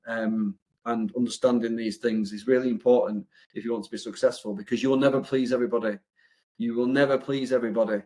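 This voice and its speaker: Man, English accent, business coach, casual motivational talk, blunt, sweary, lots of ums and restarts, medium pitch. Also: fairly even intonation, fast talker, warm tone. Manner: blunt, sweary, rambling with many fillers.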